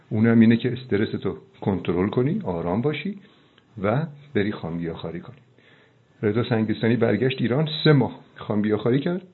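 A middle-aged man, a doctor, giving earnest, preachy advice on a phone call, slowing down for emphasis. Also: on the low side. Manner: fervent, preachy, slows down for emphasis. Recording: tinny phone line.

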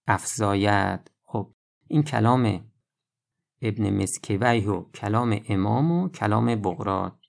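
A man giving an earnest religious lecture, urging his listeners in rising bursts and then slowing to drawn-out phrases. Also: mid-range voice, vocal fry, a little mellow. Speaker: preacher.

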